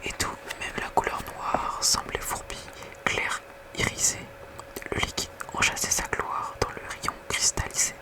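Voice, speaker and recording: A very quiet, night-time whisper reading poetry softly in an ASMR bedtime style. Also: a little slow. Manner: hushed bedtime reading with casual whispered asides. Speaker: ASMR reader.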